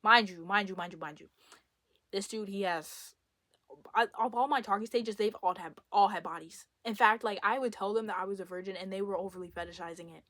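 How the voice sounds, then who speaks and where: A woman's voice: medium pitch, brisk, dry recording, clean studio sound. A young woman telling a rambling storytime to her followers, talking casually with lots of fillers. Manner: rambling, filler-heavy, animated. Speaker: content creator. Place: indoors at home.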